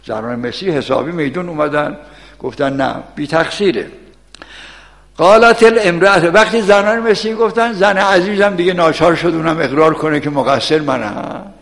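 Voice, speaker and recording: A man's voice: fairly high pitch, vocal fry, a bit bright. A man giving a casual sermon explaining scripture, mixing recited Arabic verses with everyday colloquial talk and asking the audience questions. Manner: switches between Arabic verse recitation and casual street Persian; asks the audience questions and answers himself. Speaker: Quran teacher. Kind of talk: colloquial Quran exegesis sermon. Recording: long echoey hall reverb.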